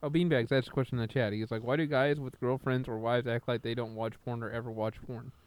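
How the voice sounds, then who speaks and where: A man's voice: medium pitch, steady tone, quick pace, dry recording. A man co-hosting a casual wrestling podcast, joking and bantering with his friends. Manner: joking, mock-teacher delivery in his segment. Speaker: podcast co-host.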